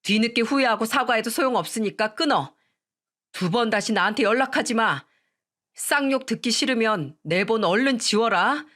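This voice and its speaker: In a read-aloud radio story, a woman plays a bitter divorced man who scolds his ex-wife with contempt. Her voice sits on the high side and is expressive and a bit bright, moving at a normal speed, and the mood is scornful and scolding.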